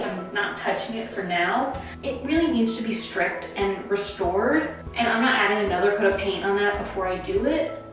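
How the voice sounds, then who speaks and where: A young adult woman vlogging casually to camera, chatty and expressive, her voice echoing around a small, empty tiled bathroom. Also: mid-range voice. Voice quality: echoing, reverberant sound. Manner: chatty, expressive, filler-heavy with "like". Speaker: home renovation vlogger. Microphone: camera a few feet away. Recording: very echoey empty room, distant mic.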